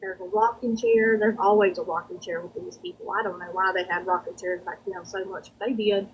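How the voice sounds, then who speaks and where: A woman's voice: medium pitch, lively intonation, creaky, a little hiss or hum, low-quality recording. Southern woman medium with a drawl. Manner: Southern drawl with folksy, halting, repetitive phrasing. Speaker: medium giving spirit readings. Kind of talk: conversational psychic reading.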